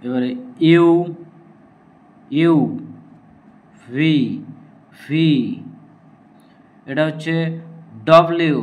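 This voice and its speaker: A man gives a patient pronunciation lesson and repeats each letter. He speaks very slowly, and his voice sits a little high for a man. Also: fairly bright tone. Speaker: English pronunciation teacher. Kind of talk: slow spoken lesson.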